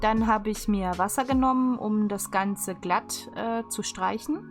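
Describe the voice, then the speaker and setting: A woman's voice: medium pitch, fairly even intonation, unhurried. A woman giving a chatty, unscripted craft tutorial voice-over in a casual style. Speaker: video creator. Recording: music behind the voice. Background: instrumental music.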